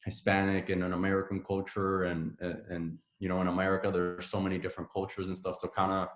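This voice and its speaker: Man from Puerto Rico, low voice, roomy echo. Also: fast talker. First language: Spanish. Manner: relaxed, rambling, many fillers and restarts. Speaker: podcast guest, musician. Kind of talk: casual conversation.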